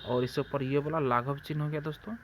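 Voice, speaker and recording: A man's voice: a little high, steady tone, fast talker, a bit bright, a little hiss or hum. A man with a Bihari Hindi accent teaching an exam-prep grammar lesson, asking and answering his own questions as he goes. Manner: repetitive, asks and answers own questions, keeps addressing friends.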